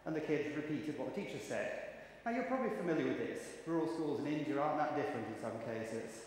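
In an echoey, large conference hall with faint ambient noise, a man in his fifties gives a keynote. His voice sits in the mid-range, and he talks fast and animatedly, chatty and wry as he tells the audience anecdotes.

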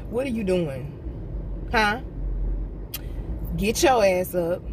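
A woman, talking candidly and assertively to her viewers in a car vlog. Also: medium pitch. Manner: casual, assertive, talks straight to viewers. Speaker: motivational vlogger. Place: parked car, daytime. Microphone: phone camera on the dashboard. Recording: phone mic a little far off, loud car and street noise. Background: car and outdoor traffic noise.

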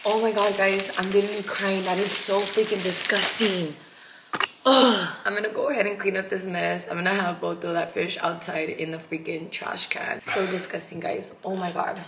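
A young adult woman hosting a casual prank vlog, loud and exclaiming, laughing often. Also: on the low side, steady tone, normal speed. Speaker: vlog host. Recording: echoey room with loud noise.

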